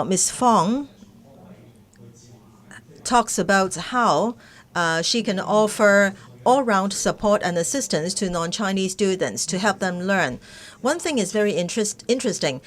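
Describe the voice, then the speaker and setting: A woman working as a live interpreter of webinar speeches, speaking haltingly, phrase by phrase. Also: mid-range voice. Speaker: simultaneous interpreter.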